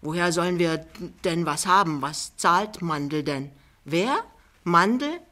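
A woman's voice: on the low side, lively intonation, unhurried, fairly bright tone. A woman reading an audiobook, voicing a grumbling young clerk, the husband.

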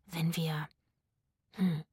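Eine Erzählerin, die in einer Kinderhörgeschichte einen erfinderischen Jungen spricht, leise murmelnd. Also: female voice, deep voice, flat delivery, very slow, a little mellow, husky, no room sound, clean studio sound, exaggerated voice. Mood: plotting. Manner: murmuring, whispering. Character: boy violinist, inventive.

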